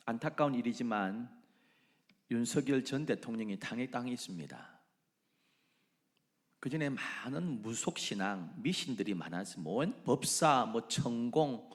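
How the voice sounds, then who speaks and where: A middle-aged man preaching a sermon, swinging between loud exclamations and hushed whispers. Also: mid-range voice. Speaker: pastor. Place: church sanctuary.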